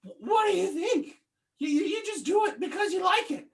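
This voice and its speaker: A performer playing a carefree five-year-old boy captain who talks in excited, stammering bursts. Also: extremely high pitch, moderate pace, far from the mic.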